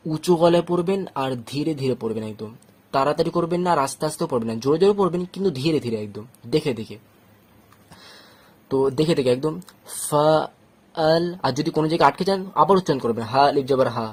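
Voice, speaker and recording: In a fairly high voice, a Bangladeshi or West Bengali man teaches Quran reading one step at a time. He drills the letters slowly by syllable, calmly explains as he goes, and asks "okay?" to confirm understanding.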